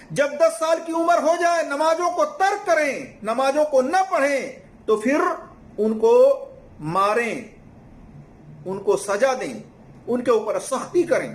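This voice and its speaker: A man with a strikingly high voice delivers a religious sermon. He exhorts his listeners and repeats his appeals as he cites scripture references. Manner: repetitive exhorting, cites hadith numbers. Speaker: Islamic preacher.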